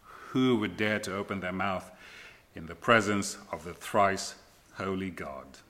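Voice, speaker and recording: Bright-voiced slow, emphatic male preacher. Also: low voice. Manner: emphatic repetition of key phrases; slow deliberate delivery with dramatic pauses. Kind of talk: sermon.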